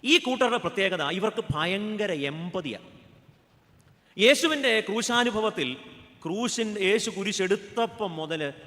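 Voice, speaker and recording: A man's voice: high voice, expressive, unhurried, sharp tone, long reverb tail. A man, a pastor with a Keralan accent, giving a humorous sermon, joking and asking the audience questions. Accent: Keralan Malayalam.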